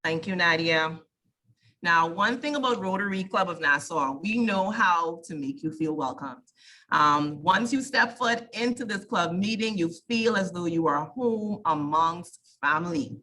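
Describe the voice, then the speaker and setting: A woman emceeing a club meeting, introducing each speaker in a smooth, measured way. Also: fairly low pitch, lively intonation, bright, forceful tone.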